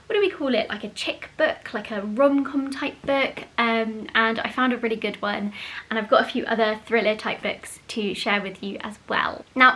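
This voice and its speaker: A woman's voice: a little high, a bit bright. A woman chatting casually to camera as a vlogger recommending things, informal and a little short of breath. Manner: chatty, informal, talks quickly by own account. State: slightly breathless from pregnancy. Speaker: YouTuber presenting book recommendations.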